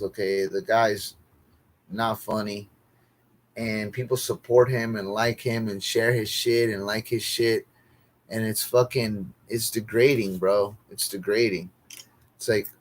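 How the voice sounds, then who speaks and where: A man streaming alone as a comedian, griping in a profane, repetitive, exasperated way. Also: on the low side. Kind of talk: casual livestream rant.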